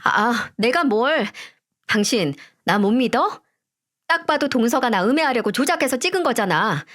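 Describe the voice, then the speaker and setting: A woman's voice: on the high side, lively intonation, moderate pace, fairly bright tone. A woman voicing a spiteful, defiant middle-aged wife who sneers back at her accusers.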